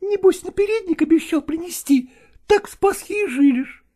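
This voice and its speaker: Young peasant cook woman voiced by a reader, shrill, very high, scolding, sharp-tongued folk speech, storybook reading. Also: animated, moderate pace.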